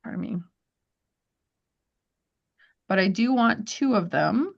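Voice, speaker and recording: A woman's voice: fairly high pitch, expressive, moderate pace, creaky, slightly rough, muffled recording. A woman teaching a live crafting class at home, chatty and friendly, walking viewers through each step. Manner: chatty, friendly instructing with little laughs.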